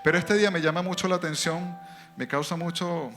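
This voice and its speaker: Lively man telling a church testimony. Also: fairly high pitch, music in the background. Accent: foreign accent in Spanish. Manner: lively storytelling, jumps between quick and drawn-out phrases. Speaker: church member giving testimony.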